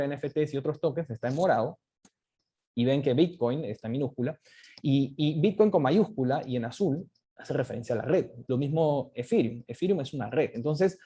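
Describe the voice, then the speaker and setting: Husky man giving a lively lecture. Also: a little high. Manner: explanatory, often ends points with a tag question. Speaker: guest speaker on crypto economics. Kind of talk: lecture presentation with slides.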